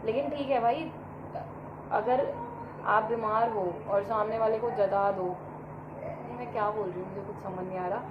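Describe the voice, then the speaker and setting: A woman's voice: mid-range voice, fairly even intonation, normal speed. Chatty feverish woman vlogging at home. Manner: chatty, addresses viewers directly. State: sick with fever. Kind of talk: casual vlog chat to camera. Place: at home, indoors. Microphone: camera set in front of her. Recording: echoey room, dull and noisy.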